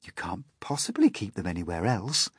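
A man voicing an old, gentle male grasshopper who lectures kindly and is proud of his music. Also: mid-range voice, sing-song, measured pace, dry recording, clean studio sound. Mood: teasing. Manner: kindly, lecturing, fond of his own skill.

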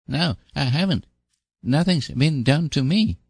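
Man putting on a high, pleading little boy. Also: animated, a little slow, breathy edge, no room sound, studio quality, heavily acted. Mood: guilty confessing. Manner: childlike, earnest, confessional. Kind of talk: storybook character voice.

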